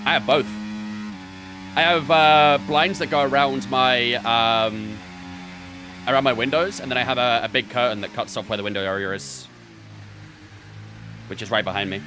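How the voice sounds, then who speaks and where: A man's voice: medium pitch, steady tone, normal speed, long pauses, over music. A young man streaming a racing game from his bedroom, chatting with viewers between laps. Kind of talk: casual live-stream chat while racing.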